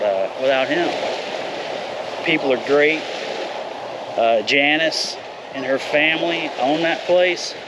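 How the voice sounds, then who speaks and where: A medium-pitched man in his fifties from the United States talks over heavy background noise. He's a vlogger, and his casual vlog is candid and rambling, with some mild swearing.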